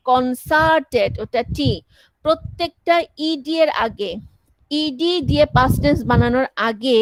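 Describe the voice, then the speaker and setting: A woman's voice: sits high, no echo, low-quality recording. A woman teacher giving a classroom lecture, explaining step by step and often checking that students understand.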